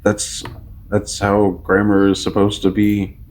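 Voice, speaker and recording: A man in his thirties with a very low, deep voice, chatting casually as a podcast co-host. He rambles through his points with plenty of fillers and restarts. He often acts out conversations in a louder voice. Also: monotone, slow pace, slight background noise. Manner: rambling, filler-heavy, mimics kids loudly. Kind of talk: casual chat.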